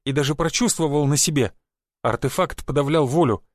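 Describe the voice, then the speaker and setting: A man voicing a grim, tight-lipped male secret police agent who reports in a flat, terse way in an audiobook. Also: fairly high pitch, brisk, dry recording, studio quality, natural voice. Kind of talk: audiobook character voice.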